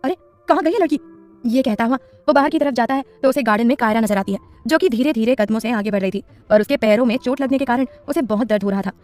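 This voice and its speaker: Brief: quick, somewhat high-voiced woman narrator for a romance serial, soft music behind. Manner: reads with expressive dialogue voices. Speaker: storyteller. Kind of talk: scripted story narration.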